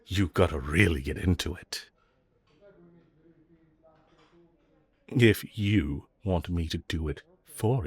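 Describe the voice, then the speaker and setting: In this romantic audio roleplay aimed at the listener, the same man voices a flirty male villain, very low and husky, his delivery exaggerated and captured close and dry with no room sound. Unhurried, he draws out his lines with playful swoops, teasing, coaxing, and provoking his hero rival.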